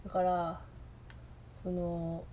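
A woman's voice: on the low side, completely flat delivery, very slow, highs cut off, slight background noise. A woman with an Osaka Kansai accent, chatting alone in a rambling, hesitant way, full of fillers and restarts. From Osaka, Japan. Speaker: podcast host. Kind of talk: casual solo chat.

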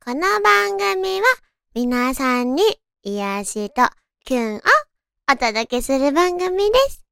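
Female solo radio host, cute high anime-girl voice, smooth and clean, playful casual chat. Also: expressive, takes it slowly, fairly bright tone, dry recording, clean studio sound.

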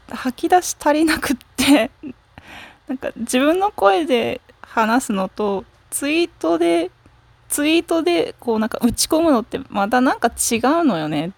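A woman in a casual solo chat, her voice sitting a little high and recorded dry with no room around it. She wanders from thought to thought, frank and unpolished, breaking off mid-word to fix what she meant. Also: creaky, a little mellow, dry recording. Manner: rambling, frank, with many self-corrections and trailing fillers. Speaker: solo talk show host. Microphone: smartphone app recording.

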